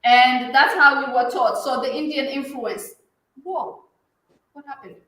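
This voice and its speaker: A woman explains her cooking in an easygoing way on a video call. Her voice is a touch high, and the room around her echoes heavily. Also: steady tone, measured pace, fairly bright tone. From Kenya. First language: Somali. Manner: easygoing, explaining as she cooks. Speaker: guest cook. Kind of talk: casual cooking chat.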